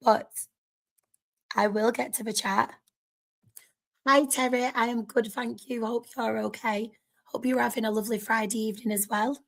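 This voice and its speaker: A woman's voice: fairly high pitch, fairly even intonation, moderate pace, creaky, long pauses, fairly bright tone. A woman with a sore, strained throat, chatting casually to viewers as host of a football fan livestream.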